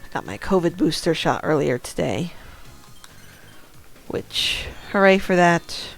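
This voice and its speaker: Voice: medium pitch, lively intonation, unhurried, gravelly, soft background music. A streamer giving casual commentary over a board game, talking to themselves with muttered asides. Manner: talks to self about the game, muttered asides.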